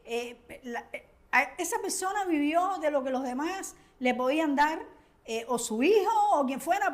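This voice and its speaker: An older Cuban woman with a Cuban Spanish accent speaks in a high, clear voice as a guest in a conversational interview. She's earnest and reflective, pausing often with small hesitations while she gathers her words.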